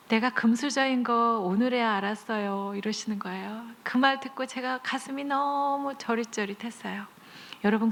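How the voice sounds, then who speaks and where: Middle-aged woman guest preacher, slightly high voice, animated storyteller who acts out the quotes. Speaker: guest speaker at church. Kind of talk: sermon. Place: church service.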